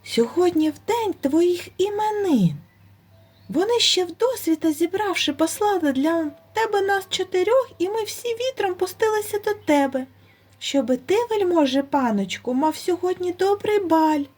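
A woman's voice: very high voice, lively intonation, moderate pace, darkish tone, pitched above the performer's own voice. A woman voicing a small, timid but cunning male hare who speaks with exaggerated politeness. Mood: pleading. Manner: very polite, pleading.

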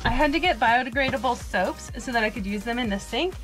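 Over music, a woman in her thirties talks quickly in a fairly high voice. She's a vlogger packing up a small camper van, narrating casually and upbeat to the camera.

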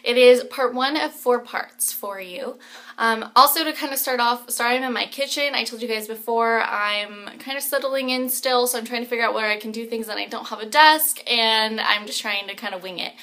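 A woman's voice: fairly high pitch, moderate pace, pushed and bright. A young woman chatting casually about makeup in her home kitchen, rambling with many fillers. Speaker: beauty vlogger. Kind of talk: casual chat.

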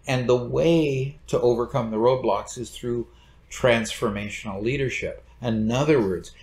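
A middle-aged man delivers a lecture over slides from his home study, talking in an easygoing, explanatory manner. His voice sits at an ordinary pitch for a man. The room adds a noticeable echo. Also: a little slow. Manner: relaxed explanatory, gestures with hands. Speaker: instructor. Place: home study with bookshelves, indoors. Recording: roomy echo.

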